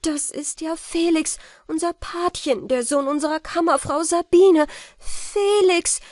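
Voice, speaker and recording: Frau spricht eine gerührte, edle Gräfin. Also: female voice, fairly high pitch, normal speed, no room sound, clean studio sound, pitched above the performer's own voice. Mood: moved. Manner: formal old-fashioned speech, rising excitement. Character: grateful noble countess, warm and emotional.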